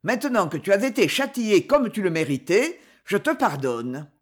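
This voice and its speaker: A man's voice: high voice, big pitch swings. A woman reader voicing a cruel, sarcastic aristocratic count who speaks coldly and with menace. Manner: cold, sneering, measured.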